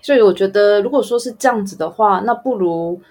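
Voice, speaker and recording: A woman's voice: mid-range voice, brisk, darkish tone. A woman with a Taiwanese Mandarin accent answering casually in an interview, in a rambling, informal way with trailing lists. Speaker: guest, advertising photographer.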